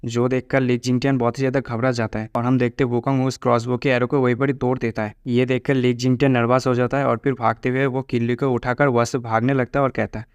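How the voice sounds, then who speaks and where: A man tells a story recap in a steady, even-toned narrating voice. His voice is smooth and clear, with little rise and fall in pitch. The sound is dry and close, with no room echo. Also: quick pace, hardly any pauses. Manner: flat, steady storytelling with quoted lines read plainly.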